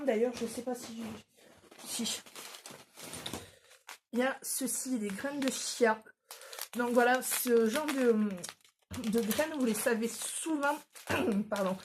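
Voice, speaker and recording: A woman vlogger talking casually through her shopping haul. Her voice sits a little high, and she hesitates often, filling gaps with fillers and correcting herself. Faint background noise runs under the recording. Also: a little mellow. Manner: self-deprecating about her English. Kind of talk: casual haul video chat.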